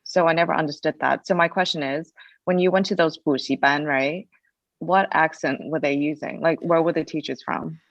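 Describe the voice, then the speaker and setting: Low-voiced woman asking questions. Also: fairly even intonation, moderate pace, no room sound, highs cut off. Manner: conversational, frequent "right?" tags. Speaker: podcast host. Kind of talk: casual interview chat.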